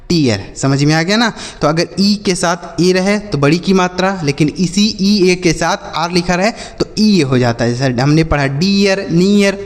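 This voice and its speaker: Male teacher with hall reverb. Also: fairly high pitch. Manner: spells words letter by letter, then quizzes students; repeats questions to an imagined class. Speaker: English reading teacher. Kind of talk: spoken classroom lesson.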